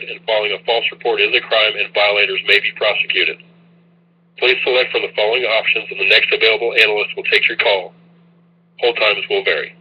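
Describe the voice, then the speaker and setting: A man's voice on a recorded automated phone menu, reading formal, scripted prompts in an even, instructional way. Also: lowish voice. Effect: recorded automated phone menu message. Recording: tinny phone line, husky.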